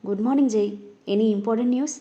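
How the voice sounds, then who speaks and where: A man's voice: very high-pitched, rapid-fire, muffled recording. A woman voicing a brooding, hot-tempered young husband who speaks sternly and sharply, in a narrated audio story. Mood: tense. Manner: stern, sharp when angry.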